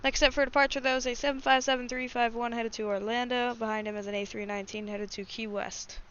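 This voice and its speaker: Bright-voiced woman livestreamer, lo-fi sound. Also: fairly high pitch, flat delivery, fast. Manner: informal, chatty, addressing viewers directly. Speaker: livestream host. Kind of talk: casual live plane-spotting commentary. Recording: dull lo-fi mic with faint noise.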